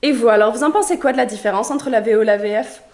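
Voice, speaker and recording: A young woman vlogging in a lively, chatty way, telling stories to her viewers. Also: fairly high pitch, fast talker. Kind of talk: casual vlog monologue.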